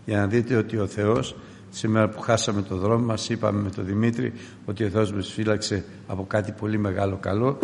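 An older man giving an animated testimony sermon, speaking straight to his congregation in a church hall. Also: fairly low pitch, creaky. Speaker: preacher.

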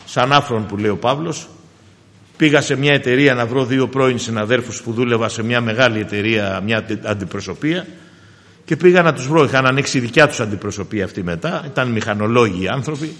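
A man, preaching a sermon with personal testimony, calling the congregation brothers and swinging from emphatic high bursts to quiet low asides. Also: long reverb tail.

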